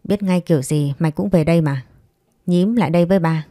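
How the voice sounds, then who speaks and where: A woman's voice: lowish voice, a little fast, dark tone, no room sound, clean studio sound, natural voice. A woman voicing a crude, threatening young husband in a read-aloud story, speaking in a coarse, taunting way.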